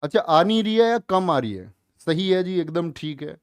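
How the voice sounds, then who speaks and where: Male teacher, fairly high voice, loud and emphatic, quizzes students, dry close sound. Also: expressive, normal speed, smooth, no echo. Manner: drills students with repeated questions; loud, emphatic classroom delivery. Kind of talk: live online class lecture.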